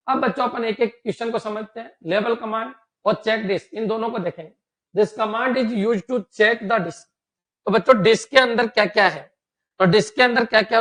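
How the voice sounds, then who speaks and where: High-voiced Rajasthani man teaching a class. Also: fairly bright tone. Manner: explains step by step and keeps asking the students "clear?". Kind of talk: classroom lecture.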